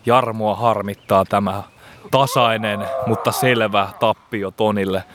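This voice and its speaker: A man's voice: on the low side, background noise. A man giving playful, theatrical mock sports commentary as a radio host at an outdoor basketball court, recorded on a portable recorder. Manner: theatrical, bursts into excited shouts.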